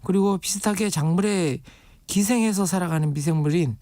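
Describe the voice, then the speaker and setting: A man's voice: high-pitched, fairly quick, dark tone, dry recording. A man on a radio show, a guest expert on urban farming, explaining patiently with everyday comparisons. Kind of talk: radio interview.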